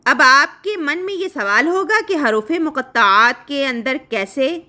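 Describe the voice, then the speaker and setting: A woman's voice: sits high, expressive, sharp tone. A young woman teaching a recitation class, explaining step by step and asking questions she then answers herself.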